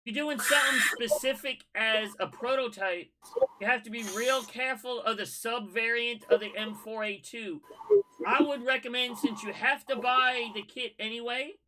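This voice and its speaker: A man, hosting a casual scale modeling livestream and giving relaxed, folksy advice to viewers. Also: very high-pitched, normal speed, noisy background.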